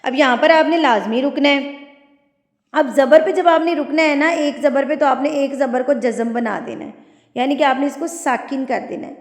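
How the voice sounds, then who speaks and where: Woman tajweed teacher, high voice, patient, lots of reverb. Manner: explains patiently, then recites slowly and drawn out. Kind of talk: teaching lesson with recitation. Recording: echoey room with long reverb.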